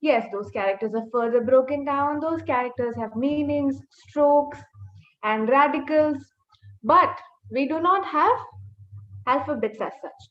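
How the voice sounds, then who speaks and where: High-voiced woman teaching an online class. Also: unhurried. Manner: explains step by step, stretching and singing out demonstration syllables. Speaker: language teacher. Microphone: computer mic on a video call. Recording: dull, echoey webinar audio.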